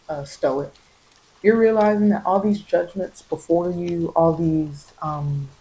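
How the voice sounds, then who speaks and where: An American woman acting as a tarot reader offers soft-spoken ASMR spiritual guidance, wandering from point to point and repeating phrases to reassure. Her voice is low, and the audio quality is poor.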